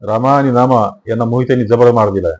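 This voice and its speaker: A man's voice: medium pitch, fast talker, a little mellow, close to an everyday voice. A male village schoolteacher in a spoken novel who arrives running to report trouble, voiced by the man reading the book. He talks in an urgent, breathless rush.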